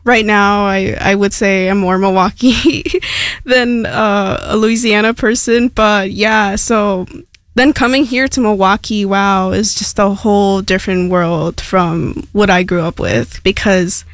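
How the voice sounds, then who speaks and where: A woman's voice: medium pitch, steady tone, measured pace, no room sound, clean studio sound. A young woman from Mexico whose first language is Spanish, chatting casually as a radio guest with lots of "like" and "um". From Hidalgo, Mexico. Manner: chatty, rambling, many fillers like "like" and "um". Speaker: radio station intern, guest. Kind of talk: casual interview talk.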